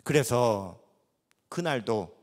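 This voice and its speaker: A man's voice: mid-range voice, animated, drawn-out words. A middle-aged man preaching a sermon at a revival meeting, telling a story dramatically and acting out the dialogue. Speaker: pastor. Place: church sanctuary. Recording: long reverb in a large church hall.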